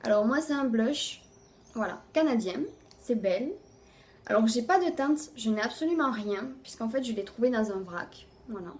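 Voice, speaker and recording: Casual beauty vlogger, a woman with a slightly raised voice, chatty, lets her phrases fade out quietly. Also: a little high, animated. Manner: chatty, fills pauses with "voilà"; voice often trails off softly at phrase ends. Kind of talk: casual monthly favorites review.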